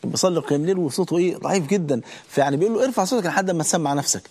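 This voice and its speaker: A man's voice: a little high, rapid-fire, a little mellow, husky. A man with an Egyptian Arabic accent preaching a sermon, emphatic and full of rhetorical questions to his listeners.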